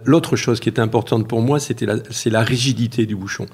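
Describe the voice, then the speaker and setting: A man being interviewed about his work as a cheesemaker, explaining slowly and carefully with many hesitations. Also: medium pitch, fairly even intonation, a little mellow, husky. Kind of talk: casual spoken interview.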